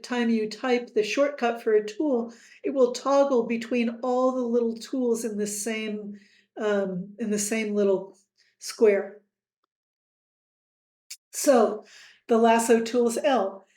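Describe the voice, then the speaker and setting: Slow, mellow-voiced woman teaching software. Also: on the high side, steady tone, reverberant. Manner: slow, friendly quiz-style asides. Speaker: software tutor. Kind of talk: screen-recorded tutorial.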